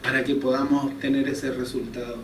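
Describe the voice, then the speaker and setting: A man's voice: mid-range voice, level tone, normal speed, a little hiss or hum. A young man, preaching a sermon in a conversational, storytelling way. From Chile. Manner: conversational storytelling, chuckles at himself. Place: church hall. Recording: echoey church room, distant mic.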